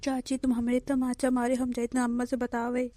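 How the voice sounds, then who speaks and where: A woman's voice: fairly high pitch, monotone, normal speed, heavy background noise, lightly acted. A woman voicing a small village boy with an Awadhi accent, whining and tattling to his mother.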